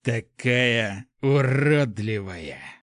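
A man's voice: mid-range voice, big pitch swings, extremely slow, a bit bright, no echo, studio quality, heavily acted. A man voicing an arrogant young prince who roars and spits contempt in an audiobook. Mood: furious. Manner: roaring, spitting contempt. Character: enraged young male prince, arrogant and wounded.

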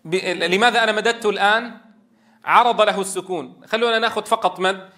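A man's voice: high-pitched, brisk, pushed and bright. A man teaching a Quran recitation lesson, explaining patiently, repeating key phrases and drawing out vowels to demonstrate. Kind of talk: tajweed lesson.

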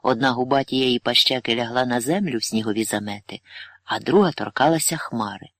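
A man narrating a literary novel in a measured, earnest reading voice, with pleading inner monologue. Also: medium pitch, fairly bright tone, dry recording. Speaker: audiobook narrator.

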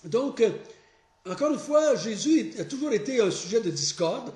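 A man leading a Bible study. He prays, reads scripture aloud and explains it earnestly, pausing often and restarting his phrases. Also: very high voice, very animated, a little mellow. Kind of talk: Bible study teaching with prayer and scripture reading. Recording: echoey room.

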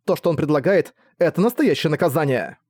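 Male reader playing a swearing young heroine, higher and lifted, dry close sound, audiobook. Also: lively intonation, fairly quick, a little mellow, dry recording. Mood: indignant. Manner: blunt, irritated, swearing. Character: hot-tempered young woman superhero.

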